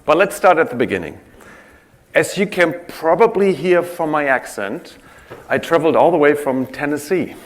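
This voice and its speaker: This keynote-style talk comes from a man on a conference stage who addresses the audience head-on, drawing them in with lively, engaging storytelling. His pitch is somewhat higher than typical for a man and varies a lot as he narrates. The pace is moderate, and there's a little background noise.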